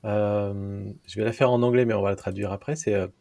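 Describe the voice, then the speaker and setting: A man's voice: lowish voice, fairly even intonation, brisk, gravelly, mellow. A man from France hosting a casual interview, talking thoughtfully with lots of hesitation. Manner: thoughtful, hesitant with many fillers. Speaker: host.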